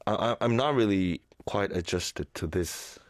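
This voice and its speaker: Very low-voiced woman with a cold. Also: dry recording, studio quality. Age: 30s. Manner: laughs often, halting with restarts. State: sick with a cold and fever. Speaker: radio co-host. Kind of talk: casual on-air chat.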